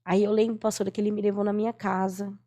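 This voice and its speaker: A woman's voice: medium pitch, flat delivery, fast talker, mellow. A Brazilian woman in her forties giving an emotional personal testimony as a guest, earnest and storytelling, acting out the voices she quotes. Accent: Brazilian Portuguese. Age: 40s.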